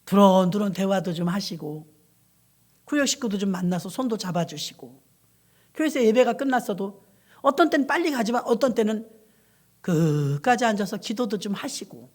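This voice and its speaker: Woman pastor preaching with animated storytelling. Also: mid-range voice, moderate pace. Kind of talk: sermon.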